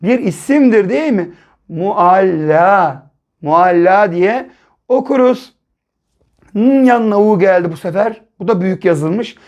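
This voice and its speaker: A male primary school teacher giving a first-grade reading lesson, sounding out syllables slowly and asking the children questions. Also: sits high, lively intonation, darkish tone. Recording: dull lo-fi recording.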